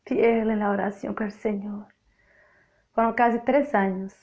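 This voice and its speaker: A woman's voice: medium pitch, fairly even intonation, normal speed, creaky, darkish tone. A woman from Portugal with a Portuguese accent, Portuguese native, giving an emphatic, repetitive spoken testimony sermon. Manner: emphatic, repeats phrases for effect.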